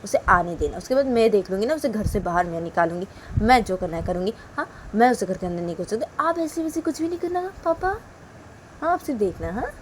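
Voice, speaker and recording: A woman voicing a hot-tempered young woman who loudly scolds her father, in a told love story. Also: medium pitch, lively intonation, fast talker, slight background noise, pitched above the performer's own voice, lightly acted. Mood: irritated. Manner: loud, scolding, exasperated.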